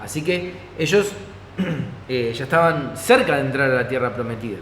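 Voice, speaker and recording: A man's voice: medium pitch, moderate pace, fairly bright tone. A pastor with a Rioplatense Spanish accent teaching a Bible study in a conversational way, often checking in with his listeners. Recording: echoey hall, faint ambient noise.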